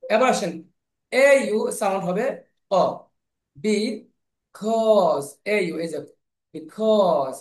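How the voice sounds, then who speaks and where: A man teaching English pronunciation in an online class, slowly repeating sounds and words over and over. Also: sits high. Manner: slow, repeats sounds and words many times. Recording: echoey room.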